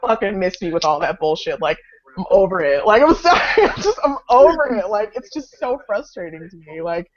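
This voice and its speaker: A woman's voice: mid-range voice, animated, brisk, muffled recording. A woman ranting to friends on a live online call, frustrated and swearing, with "like" between nearly every phrase. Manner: frustrated, profane, filler-heavy ranting. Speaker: fan in a live discussion. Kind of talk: casual group chat rant. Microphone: video call.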